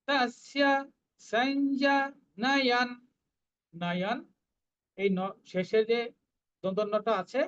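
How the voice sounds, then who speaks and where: A recitation teacher, explaining pronunciation syllable by syllable and chanting the verses in slow, drawn-out tones. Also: mid-range voice, dull audio. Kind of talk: online class teaching Sanskrit verse pronunciation.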